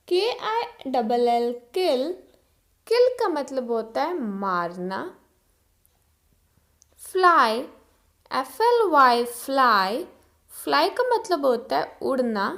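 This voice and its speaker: A woman with a high, fairly bright voice leads a slow English vocabulary drill. She says each word, spells it letter by letter, and then explains what it means.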